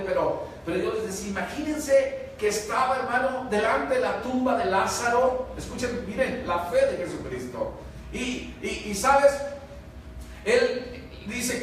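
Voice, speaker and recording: A pastor preaches a sermon in a high voice, heard from far off in a very echoey church. He rises to loud peaks and drops to hushed lines, and keeps asking the congregation if they follow. A faint room hum sits behind him. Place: church hall.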